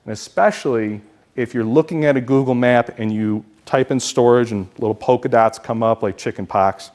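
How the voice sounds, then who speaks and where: Male presenter, mid-pitched, casual and lively, acts out quoted phone calls. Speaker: self-storage investing speaker. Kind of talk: conference talk.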